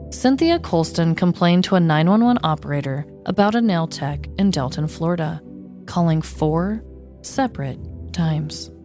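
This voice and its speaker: A podcast co-host with a low, warm female voice reads a scripted story aloud, then shifts into casual chat with her listeners.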